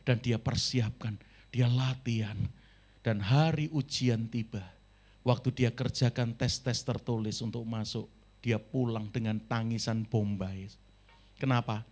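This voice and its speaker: A man preaching a sermon, telling a story with big swings between loud and soft and acting out the voices of the people in it. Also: medium pitch, steady tone, a little slow. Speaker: pastor. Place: church service.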